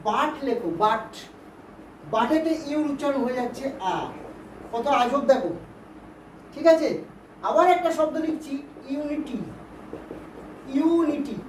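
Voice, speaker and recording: A woman with a high, slightly mellow voice teaches pupils English vowels in a Bengali grammar class. She repeats words patiently and asks questions to confirm they're keeping up. The sound is roomy and far off, with faint background hiss.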